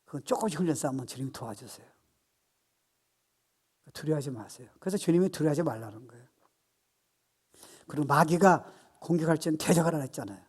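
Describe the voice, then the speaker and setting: A man in his sixties preaching a sermon as pastor, animated and playful, acting out voices and laughing at his own jokes. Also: on the high side, fast talker, long pauses, slightly rough.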